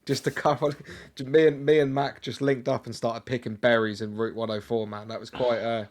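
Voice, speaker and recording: A man co-hosting a podcast, relaxed and casual, moving the talk on to the next part. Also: mid-range voice, a little fast. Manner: laid-back, steers the talk to the next part. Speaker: podcast co-host. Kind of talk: casual chat.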